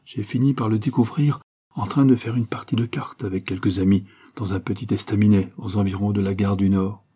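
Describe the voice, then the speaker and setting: Man doing a nervous spineless crook in an audiobook, soft hushed voice, dark tone. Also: fairly low pitch, fairly even intonation, fairly quick, breathy edge. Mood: weary. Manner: hushed, fearful, pleading. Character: weak-willed male thief, anxious, submissive lover. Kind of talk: audiobook character voice.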